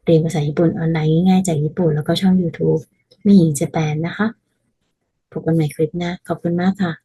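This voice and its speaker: A woman teaching a casual language lesson, patiently explaining and repeating phrases slowly so learners can practice. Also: deep voice, level tone, mellow, breathy edge, poor audio.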